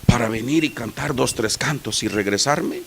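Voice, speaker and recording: Gravelly pastor preaching. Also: male voice, medium pitch, normal speed, background noise. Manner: swings from soft asides to loud shouted peaks. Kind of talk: sermon.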